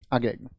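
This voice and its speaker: Man quizzing a class with brisk questions. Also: mellow, no room sound, studio quality. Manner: quizzing, asks then answers his own questions; scolding, exasperated at times. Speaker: teacher. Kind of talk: online exam-prep class. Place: online class studio.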